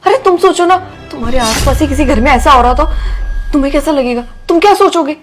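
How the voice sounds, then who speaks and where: A woman's voice: high-pitched, lively intonation, quick pace, soft background music. Woman playing a bold, brazen young wife. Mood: scolding. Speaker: daughter-in-law character. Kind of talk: scripted Hindi short-drama acting.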